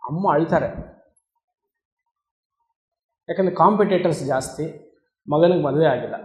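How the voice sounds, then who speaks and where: A man, a swami, giving a spiritual discourse on Vedanta, talking conversationally, asking the listeners questions and chanting Sanskrit verses slowly. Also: on the high side, a little mellow, reverberant. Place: discourse hall.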